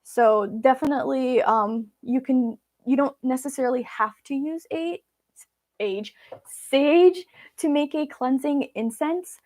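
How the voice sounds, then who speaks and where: Measured and a little mellow, this woman's high-pitched voice belongs to a vlog host from Belarus whose first language is Russian. She chats informally with her audience during a live Q&A.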